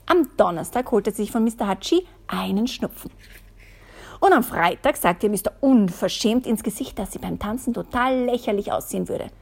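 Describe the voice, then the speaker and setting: A woman reading a picture book aloud in a soft, half-whispered way, with playful asides. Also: mid-range voice, gravelly, slightly rough. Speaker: reader.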